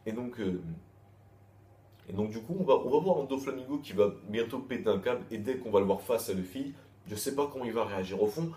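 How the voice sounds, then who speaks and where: A man with a dark, mid-range voice reviews a manga chapter a little fast, rambling casually with plenty of crude slang. He repeats himself and restarts frequently, and the recording has an echoey room with faint background noise.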